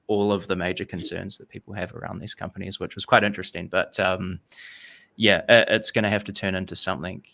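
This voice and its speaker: A man co-hosting a casual investing podcast, relaxed and leaning on "like" as he talks. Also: sits low, fairly quick, gravelly. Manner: relaxed, filler-heavy with "like". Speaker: podcast co-host.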